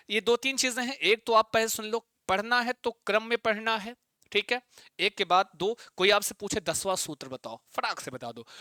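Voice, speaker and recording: High, bright-voiced male teacher. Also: clean tone, no room sound, clean studio sound. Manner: chants the sutras slowly in a sing-song, mock-scolds students. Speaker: Sanskrit teacher. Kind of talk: exam-prep lesson with chanted recitation.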